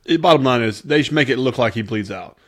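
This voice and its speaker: Man, mid-pitched, blunt sardonic podcast co-host. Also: animated, fast, a bit bright. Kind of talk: casual review chat.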